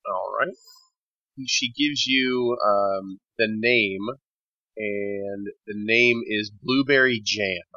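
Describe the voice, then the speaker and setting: A game master narrating a tabletop game in a relaxed, easygoing way. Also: mid-range voice, very slow, highs cut off.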